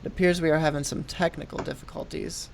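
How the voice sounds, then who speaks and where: A man talking casually over an online voice call, halting and restarting his words while the audio cuts in and out. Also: a little high, steady tone, vocal fry, background noise. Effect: choppy call audio cutting in and out. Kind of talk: casual chat.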